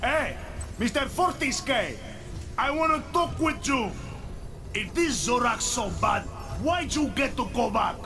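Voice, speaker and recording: A man's voice: very high voice, big pitch swings, a little slow, creaky, exaggerated voice. A man voicing a boastful dead barbarian in a game, blustering, with odd phrasing. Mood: indignant. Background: game music.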